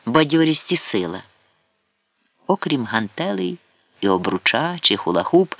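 A man narrating satirical prose for an audiobook in a measured, wry reading voice. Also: fairly high pitch, fairly bright tone, no room sound.

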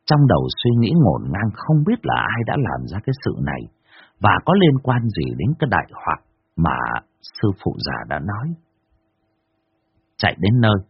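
Male horror storyteller, low and husky, lively delivery; dry, muffled sound. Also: no echo. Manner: lively expressive telling. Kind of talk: dramatic horror story narration.

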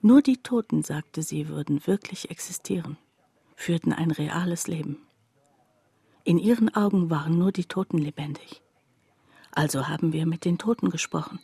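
An actress voices a reflective woman narrating an intimate radio drama monologue about a destitute friend, speaking straight to the listener in a confiding, deliberate way. Her husky, breathy voice sits low with a warm tone, and the heavily acted performance is recorded dry.

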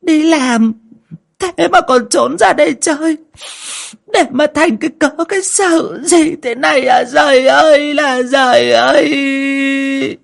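A man voicing a scheming village stepmother who wails crocodile tears in a shrill falsetto with drawn-out sobbing cries. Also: gravelly, heavily acted. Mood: fake wailing.

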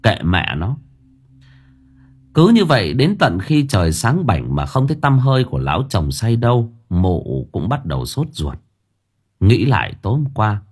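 A man's voice: lowish voice, darkish tone, slightly rough. Dramatic male storyteller. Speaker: narrator. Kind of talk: audiobook story narration.

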